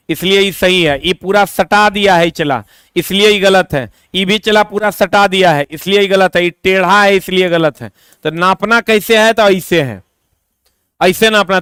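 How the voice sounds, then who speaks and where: A high-pitched man coaches students through an exam-prep lesson. He talks in a chatty, repetitive way and throws in quick asides. His voice comes across smooth and clear, recorded dry and close. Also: a bit bright, no room sound. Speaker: teacher.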